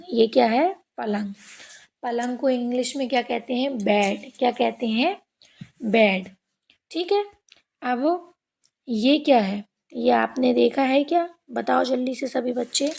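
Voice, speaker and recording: A woman teaching young children, asking questions and answering them herself in a slow call-and-response style. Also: high voice. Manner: asks a question and answers it herself, repeating words slowly. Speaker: primary school teacher.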